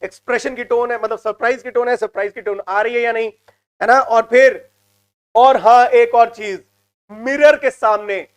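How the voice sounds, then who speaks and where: A man's voice: very high-pitched, clean tone. A man teaching a live online class, coaching students with repeated points and switching between Hindi and English.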